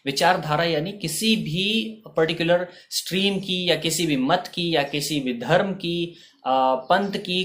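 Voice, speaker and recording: A man with an Indian accent teaching vocabulary, slowly drawing out each word and repeating it, with "ok" between points. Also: on the high side, a bit bright. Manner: slow, drawn-out spelling of each word. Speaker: language teacher. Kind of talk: bilingual vocabulary lesson.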